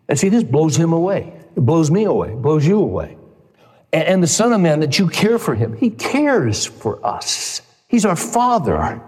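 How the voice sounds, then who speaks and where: A male pastor delivering an emphatic sermon, his voice climbing high when he stresses a point. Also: darkish tone. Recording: long reverb of a large hall.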